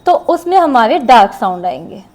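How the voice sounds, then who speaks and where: High-voiced woman teaching shorthand slowly. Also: very animated, darkish tone. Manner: slow, patient, repeats words while writing examples. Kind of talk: classroom lesson explaining shorthand strokes.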